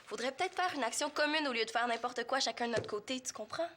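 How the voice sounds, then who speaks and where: A bright, crisp voice for a sensible, sharp-tongued Quebec teen. Her pitch sits fairly high, and she speaks with a Quebec French accent and quick, teasing retorts. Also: lively intonation, a little hiss or hum. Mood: reasoning. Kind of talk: TV series acting.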